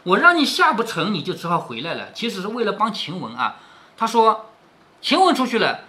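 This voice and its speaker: A man's voice: high-pitched, big pitch swings, brisk, pushed and bright. A middle-aged man reading a classic novel aloud to his daughter, stopping often to explain and asking rhetorical questions.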